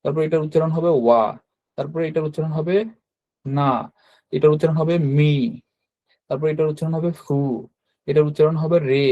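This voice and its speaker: A man teaching a language class over a video call, explaining quiz answers with frequent fillers and quick self-corrections. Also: on the high side, warm tone. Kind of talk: online class lesson.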